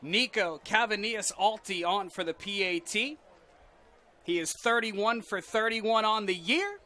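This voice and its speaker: A man's voice: high-pitched, a little slow, bright, forceful tone. An American man giving live play-by-play commentary on a football game. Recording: faint outdoor background noise.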